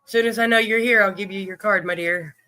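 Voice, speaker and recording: A man runs a casual livestream, chatting along and calling out each viewer by name. His voice sits high and rings sharp and bright. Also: steady tone, quick pace. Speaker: livestream host.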